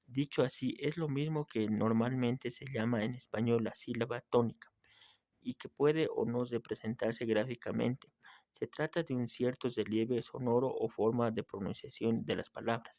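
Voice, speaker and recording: A man reading a grammar lesson aloud in a steady way, with small slips and restarts. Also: medium pitch, normal speed, no room sound. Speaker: teacher. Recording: dry, slightly dull home recording.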